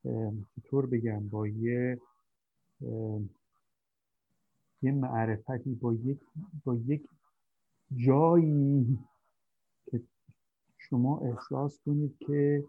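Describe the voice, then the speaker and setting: A man's voice: medium pitch, fairly even intonation, pauses often, dry recording. A man hosting a conversational discussion, talking hesitantly as he searches for his words. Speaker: host. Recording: dry tinny phone-like line.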